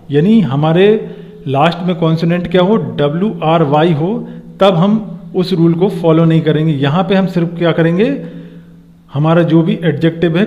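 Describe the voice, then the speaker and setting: Hindi-speaking man teaching grammar, reverberant. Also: fairly high pitch. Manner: asks rhetorical questions, spells out letters slowly. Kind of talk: lesson. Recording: dull lo-fi sound with long reverb.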